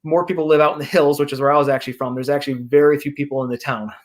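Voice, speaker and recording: Mid-high-voiced man reading his horror story. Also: fairly even intonation. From upstate New York. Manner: measured reading; chatty with fillers in talk. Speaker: horror author. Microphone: video call.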